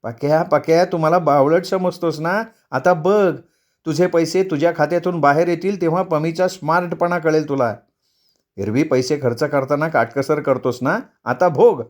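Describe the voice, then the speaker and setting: Male storyteller playing a bossy, scolding young wife; lifted pitch, sharp and quick. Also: fairly even intonation, lightly acted.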